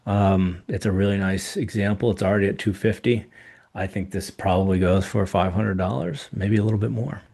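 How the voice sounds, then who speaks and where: A man with a very deep, low voice talks through his thoughts in an unhurried, halting way, full of ums and restarts. His voice is going hoarse as he goes. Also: warm tone. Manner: halting, many ums and restarts, thinking aloud. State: losing his voice. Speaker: podcast host reviewing coin auctions. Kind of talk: casual solo commentary.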